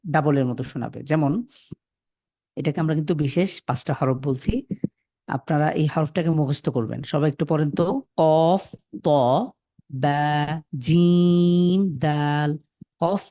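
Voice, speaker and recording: Man, Quran teacher, patient, sounds out letters slowly, mellow tone, dry recording. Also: on the high side, dry recording. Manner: patient, repeats and stretches out letter sounds to demonstrate; sprinkles in pious phrases. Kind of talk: Quran recitation lesson.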